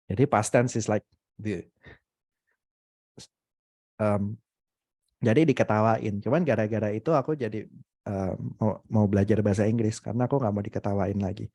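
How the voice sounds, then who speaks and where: A young adult man giving a casual, motivational webinar talk, animated and full of hesitant fillers. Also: on the low side, normal speed, pauses often, dry recording. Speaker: webinar speaker.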